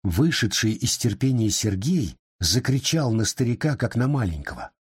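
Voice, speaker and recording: A man reading a story aloud in a measured, expressive storytelling manner. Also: mid-range voice, breathy edge. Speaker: narrator. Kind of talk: scripted audiobook narration.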